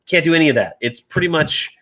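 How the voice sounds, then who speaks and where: A man in his thirties from the United States, telling stories in casual chat and acting out quoted voices with big pitch jumps. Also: animated, quick pace, fairly bright tone.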